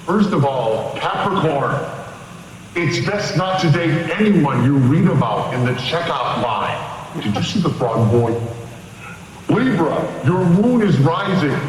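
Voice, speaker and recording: Guy doing a theatrical horror host bit, kinda high voice, slow, long reverb. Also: expressive. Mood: dry, mock-serious. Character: male late-night horror host reading mock horoscopes. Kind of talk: horror host comedy segment, mock horoscopes. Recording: very echoey, reverberant, noisy clip.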